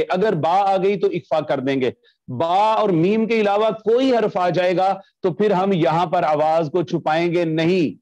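A male teacher giving a recorded online lecture on Quran recitation and Arabic, patiently repeating examples and slowly chanting phrases. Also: sits high, darkish tone. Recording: dull lo-fi recording.

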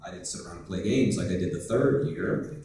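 A man's voice: low-pitched, fairly quick, warm tone, slight background noise. Joking man telling a story on a panel. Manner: rambling, joking. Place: hotel conference room. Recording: echoey room from far off.

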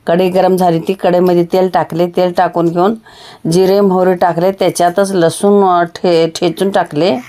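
A woman's voice: lowish voice, dark tone. Chatty woman cooking. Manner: homely, chatty, repeats herself often. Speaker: home cook. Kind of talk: casual cooking demonstration.

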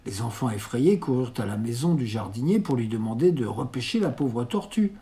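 A man reading a classic children's novel aloud in a steady, even storytelling manner. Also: medium pitch, a little fast. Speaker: reader.

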